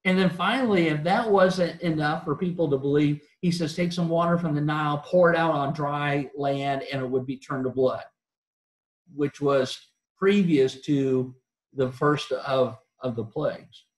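A man's voice: fairly high pitch, steady tone, measured pace. A man preaching a sermon in an earnest, questioning way, often restarting his phrases. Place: church auditorium. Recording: echoey church hall.

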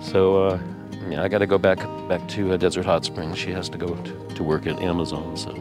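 A man vlogging from his RV, talking tearfully and haltingly with many pauses and fillers. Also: deep voice, flat delivery, music in the background. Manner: rambling, halting, with many ums and uhs. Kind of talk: casual vlog talk to camera.

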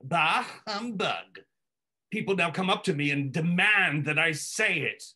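A man's voice: fairly high pitch, animated, pushed and bright, breathy edge, exaggerated voice. A man playing grumbling old miser Scrooge. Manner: slow, self-absorbed complaining.

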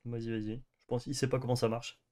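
A young man co-hosts a card game stream in an excitable, casual way. He swears easily and breaks into laughter. His voice sits at an ordinary middle pitch. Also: quick pace. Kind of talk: casual gaming chat.

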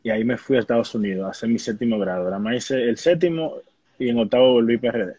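A young Dominican baseball player, speaking with a Dominican Spanish accent, casually tells stories as an interview guest over a live phone video call from a room at home. His husky, medium-pitched voice is warm and quick, and the audio is muffled with no room sound.

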